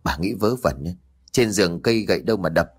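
A man's voice: deep voice, fast talker, breathy edge, voice pushed down. A man voicing a frightened, blustering middle-aged husband who stammers in a fluster.

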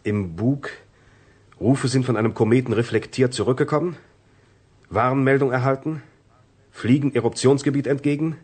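A matter-of-fact radio operator reports intercepted messages in a dry tone, as an actor voices him. His voice has a husky edge. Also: mid-range voice, normal speed, long pauses, a little mellow, natural voice. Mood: factual. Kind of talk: radio drama acting.

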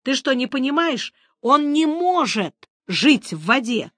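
A woman's voice: high-pitched, sing-song, unhurried, a bit bright, no room sound, clean studio sound, pitched above the performer's own voice, exaggerated voice. A woman voicing a stern grown male witcher who speaks curtly and insistently. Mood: impatient. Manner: curt, insistent, raised voice.

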